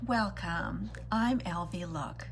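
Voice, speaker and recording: A woman's voice: on the low side, moderate pace, a bit bright, faint music behind. A woman hosting a live beauty vlog, talking casually and directly to her viewers as she does her makeup. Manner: chatty, addressing viewers directly with greetings and endearments. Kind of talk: casual livestream chat while doing makeup.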